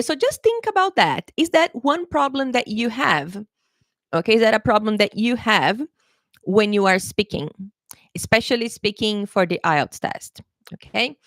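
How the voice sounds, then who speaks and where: A woman English teacher runs a live exam-prep lesson, chatty and encouraging, checking in with her viewers, laughing often and using playful pet phrases. Her voice sits on the high side and is fairly bright, in clean studio sound with no room sound.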